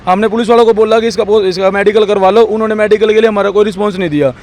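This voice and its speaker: A man's voice: high voice, steady tone, very fast, darkish tone. A man who saw the crash, telling a reporter outdoors what happened. He speaks urgently and politely, adding "ji" and "sir" often. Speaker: eyewitness friend. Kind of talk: street interview.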